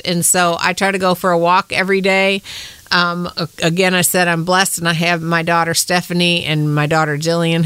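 A woman's voice: fairly low pitch, pushed and bright, clean tone, no room sound. Upbeat encouraging woman podcast host. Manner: upbeat, encouraging, speaks straight to listeners. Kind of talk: motivational talk.

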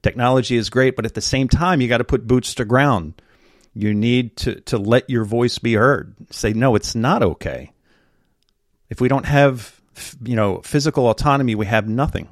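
A man's voice: mid-range voice, normal speed, no room sound, studio quality. A man hosting a political talk radio show, urging listeners to act locally in an urgent, rallying way.

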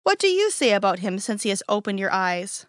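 A woman's voice: mid-range voice, big pitch swings, fairly quick, dry recording, clean studio sound, close to an everyday voice. A woman reading the lines of stern, suspicious religious leaders in a storybook, in an accusing manner. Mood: questioning.

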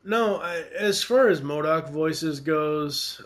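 A man's voice: on the high side, slow. A man co-hosting a casual podcast chat, speaking hesitantly with many stammers and restarts. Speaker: podcast co-host. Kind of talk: casual chat reviewing a cartoon series.

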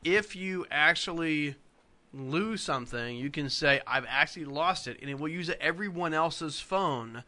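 A man's voice: on the high side, animated, a little slow, bright, forceful tone. A man who is a tech expert guest on a radio talk show, explaining gadgets with enthusiasm. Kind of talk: casual studio chat.

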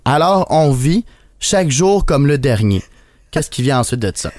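A man's voice: medium pitch, very animated, moderate pace, darkish tone, slight background noise. A man co-hosting a morning radio show, reading out quiz lyrics in playful casual banter.

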